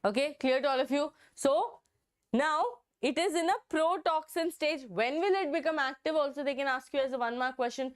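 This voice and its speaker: A young woman with a hoarse, strained voice from a throat infection, teaching an exam-prep biology lesson and repeating herself with frequent "okay"s. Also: high voice, normal speed. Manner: repetitive, checks in with "okay".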